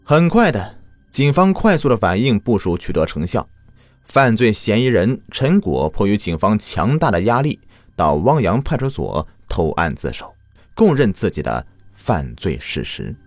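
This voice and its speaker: A man's voice: fairly low pitch, very animated, moderate pace. Man, true crime narrator, dramatic scripted storytelling, roomy sound, faint music behind. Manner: dramatic storyteller with rhetorical questions.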